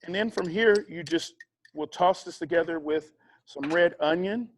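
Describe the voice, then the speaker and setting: Guy teaching a cooking class, slightly high voice, chatty and easygoing. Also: normal speed, a little hiss or hum. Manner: chatty, relaxed, with fillers and asides. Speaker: cooking instructor. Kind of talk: casual cooking demonstration.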